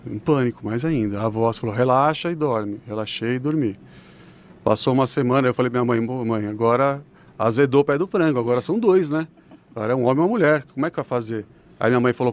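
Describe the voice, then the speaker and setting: A young adult man telling a personal story in a relaxed, conversational way. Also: mid-range voice. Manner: relaxed, conversational, uses fillers like "né". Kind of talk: casual storytelling.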